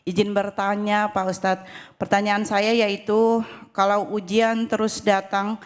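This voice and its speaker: Flat-voiced woman asking a question in a hall. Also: medium pitch. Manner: formal, fast, flat delivery. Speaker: audience member asking a question. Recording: long hall reverb.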